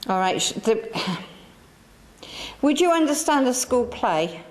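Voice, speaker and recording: Here the same kind of speaker, an English woman working as a spiritualist medium in a church hall, talks to the congregation in a coaxing, chatty manner that loops and repeats. She speaks slowly in a slightly high, sing-song voice, captured on poor audio.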